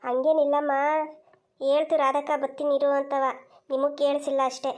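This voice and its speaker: In a cartoon comedy, a woman voices a cheeky young village woman who cajoles her neighbours for favours. Her voice is high and conversational. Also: level tone, brisk, a little mellow, natural voice. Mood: cajoling. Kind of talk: cartoon voice acting.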